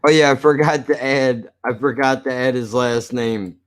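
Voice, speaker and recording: A man's voice: medium pitch, steady tone, normal speed. An American man chatting casually on a live stream, blunt and profane, with slightly slurred, lisping speech as if his teeth are missing. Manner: blunt, profane, self-deprecating.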